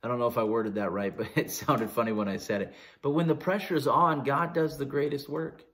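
A man's voice: mid-range voice, steady tone, fairly quick, fairly bright tone. A man with a Canadian accent preaching a sermon as pastor, earnest, with frequent restarts and rising emphasis on key phrases.

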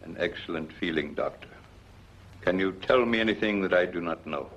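An actor playing a cold alien posing as human, middle-aged, stilted and formal, in a 1950s film. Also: male voice, deep voice, normal speed, a bit bright, slight background noise. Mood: cold, controlled. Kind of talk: 1950s science-fiction film acting. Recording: muffled old 1950s film soundtrack.

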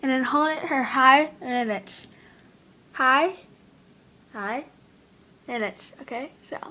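A young woman giving a casual how-to tutorial while talking with her fingers in her mouth, chatty and halting with lots of fillers. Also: high-pitched, sharp tone. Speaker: vlogger. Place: indoors at home, windy outside. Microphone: device mic.

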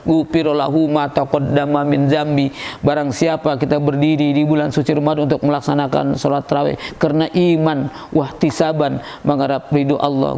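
A middle-aged man, giving a humorous Ramadan sermon. He tells jokes, acts out the voices in his stories, and jumps up high and loud to stress a point. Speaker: preacher at a school Ramadan program.

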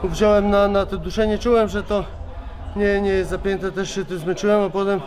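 A man in his thirties, worn out after a fight, answering reporters in a halting way, restarting and repeating words, speaking into handheld mics at a backstage press wall. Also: high-pitched, fairly even intonation, darkish tone. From Poland. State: exhausted. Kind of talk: post-fight press interview. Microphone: several handheld reporter mics held close.

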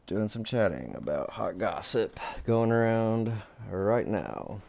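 Man, very deep, slow talker, gossip vlog host, chatty, laughs along. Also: vocal fry, darkish tone, dry recording. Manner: chatty, laughs at his own remarks. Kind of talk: casual gossip chat.

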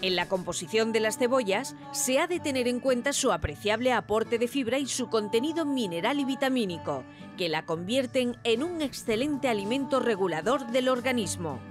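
A woman reading a scripted voice-over narration, measured and informative. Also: a little high, expressive, music in the background. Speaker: documentary narrator.

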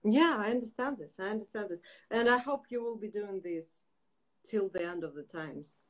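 Young woman host, halting, plain mid voice. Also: mid-range voice, poor audio. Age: young adult. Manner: halting, many uh fillers, simple phrasing. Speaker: interviewer, host. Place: bright room at home. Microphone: laptop webcam on video call.

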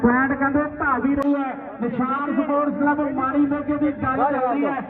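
A man with a Punjabi accent giving frantic rural sports commentary on kabaddi, excitedly chanting and repeating phrases. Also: very high-pitched, fairly quick. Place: outdoor village sports ground. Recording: tinny distant echoing PA, crowd noise.

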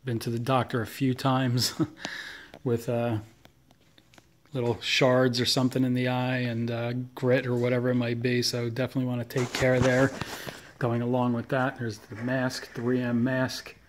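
A man gives a relaxed, chatty walkthrough of his garage workshop, filmed on a handheld phone. His voice stays fairly flat and even, at a middling pitch. Faint background noise sits under the recording. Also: normal speed. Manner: relaxed, chatty, lists tools with fillers. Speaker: knife maker giving a shop tour. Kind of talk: casual shop tour walkthrough. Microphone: handheld phone camera.

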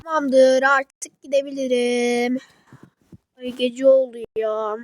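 A woman's voice: high-pitched, flat delivery, takes it slowly, no echo. A woman narrating a game role-play, talking to herself in a whiny, complaining way with sighs. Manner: talks to herself about chores.

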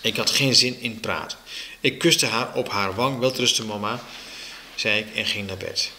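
A man reading a children's book aloud with slow, expressive storytelling. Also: on the low side, slight background noise.

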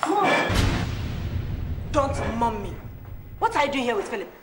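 A woman's voice: on the high side, big pitch swings, unhurried. An actress with a Ghanaian accent playing a jealous, domineering and wounded woman in love in a film drama, speaking emphatically. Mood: furious. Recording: loud music behind film dialogue.

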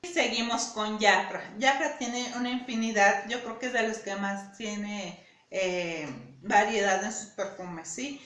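A woman's voice: mid-range voice, measured pace, a bit bright, roomy sound. A woman reviewing perfumes in a casual, chatty way, often repeating herself and asking "¿sí?". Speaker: beauty vlogger.

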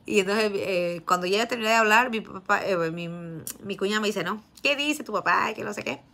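A woman's voice: mid-range voice, normal speed, creaky, bright, forceful tone. A woman in her thirties with a Peruvian Spanish accent, telling a family story in a chatty vlog, often laughing and full of fillers. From Peru. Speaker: vlogger. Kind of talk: casual storytelling.

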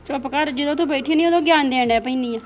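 Domineering mother-in-law, played by a woman, scolding, rapid and high-pitched. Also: soft background music, natural voice. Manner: scolding, dismissive. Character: domineering mother-in-law who spoils her son. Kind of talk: amateur family drama.

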